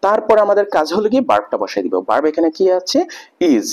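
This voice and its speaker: A man's voice: high voice, very animated, brisk. A man teaching an English grammar lesson, explaining patiently step by step with many examples.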